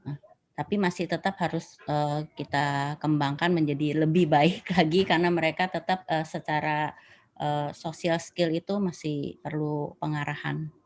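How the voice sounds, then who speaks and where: A woman with a fairly low voice moderates an online talk. She speaks politely, thanking speakers and passing questions between them. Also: fairly even intonation, moderate pace. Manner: polite, addresses panelists and parents in turn. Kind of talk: webinar moderation.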